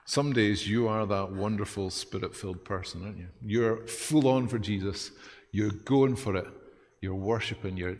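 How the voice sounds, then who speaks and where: Lively preacher in a reverberant church. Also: male voice, low-pitched. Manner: lively, self-deprecating, with dramatic pauses. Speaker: pastor. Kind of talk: sermon.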